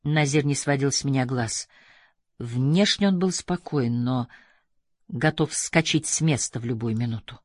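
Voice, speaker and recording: An audiobook narrator giving a measured first-person reading, close to the mic. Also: medium pitch, a little mellow, no room sound. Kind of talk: scripted narration.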